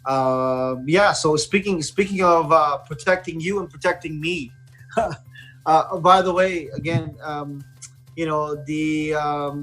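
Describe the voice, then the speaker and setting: A man with a Filipino accent hosts a casual online radio discussion, speaking hesitantly and switching between English and Tagalog. His voice is fairly high and fairly bright, and the audio quality is poor.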